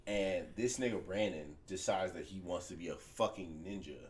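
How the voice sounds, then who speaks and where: Man, very low voice, podcast host, casual profane storytelling, laughs a lot. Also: moderate pace.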